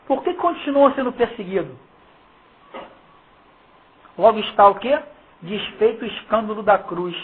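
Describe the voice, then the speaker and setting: Muffled, phone-like lo-fi audio captures a Carioca preacher from Rio de Janeiro with a husky, medium-pitched voice. In informal Bible exposition he reads verses and comments, emphatic and slangy, mocking and tossing rhetorical questions at the audience.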